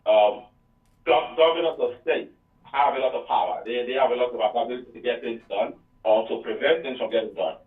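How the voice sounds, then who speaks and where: A man's voice: medium pitch, fairly quick, far from the mic. Man, caller, over the phone, hesitant, repeats himself, tinny line, echoey. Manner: hesitant, repeats words and restarts. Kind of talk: call-in question to a guest.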